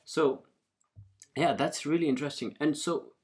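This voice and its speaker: A man interviewing someone in a casual conversation, phrasing his thoughts in a halting, thoughtful way. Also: on the high side, a little mellow, husky.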